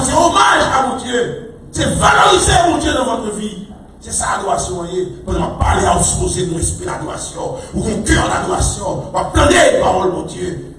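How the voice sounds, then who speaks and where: A man with a Haitian French accent preaching a sermon, emphatic and repetitive, calling out to the congregation. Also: high voice. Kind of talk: sermon teaching. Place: church hall. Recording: echoey hall, mic far off, faint noise.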